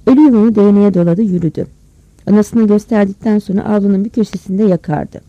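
A narrator reading a village story aloud in a steady, measured storytelling manner. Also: mid-range voice, no room sound, dull audio. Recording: dry close recording.

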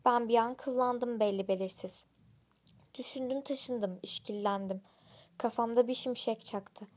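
A woman's voice: a little high, unhurried. Woman reading a gritty first-person story. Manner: gritty, blunt, slang-laden narration.

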